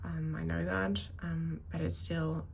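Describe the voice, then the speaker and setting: In an unscripted personal vlog, a woman in her thirties speaks to her viewers in a slightly low voice heavy with vocal fry. Her delivery is flat, a little slow and mellow, and she rambles hesitantly, correcting herself along the way. Faint background noise sits under the recording.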